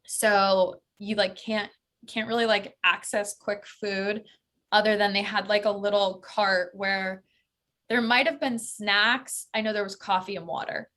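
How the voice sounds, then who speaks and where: A talkative American woman with a bright, forward tone, speaking as an interview guest. She talks loosely and casually, dropping frequent "like"s and "um"s. Her pitch sits in an ordinary middle range. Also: steady tone, unhurried. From United States. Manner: chatty, many fillers like "like" and "um". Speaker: guest, solo travel expert.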